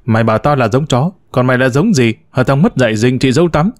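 Hot-tempered young wife yelling insults, guy doing it, big swings in pitch. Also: animated, fast talker, lightly acted. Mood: furious. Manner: shouting insults. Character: young wife, fierce and quarrelsome.

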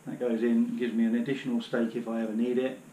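A man's voice: mid-range voice, flat delivery, quick pace, dark tone, roomy sound, slight background noise, low-quality recording. A British man in his thirties, kneeling on his living room floor, showing his hiking gear in a casual, rambling way with many fillers, heard from a camera a few metres off. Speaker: outdoor gear vlogger. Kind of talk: casual demonstration. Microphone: camera on the floor a few metres away.

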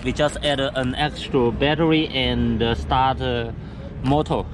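A man giving a product walkthrough of a go kart outdoors, speaking halting English with many fillers and restarts. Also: medium pitch, fairly even intonation. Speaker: factory sales rep showing a go kart. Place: outdoors beside go karts on pavement. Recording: outdoor camera audio with background noise.

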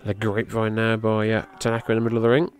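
Talking very fast in a clear, resonant tone, this middle-aged podcast host rambles loosely through a match's play-by-play. English is his first language; he curses casually and gets excited, raising his voice at the high spots.

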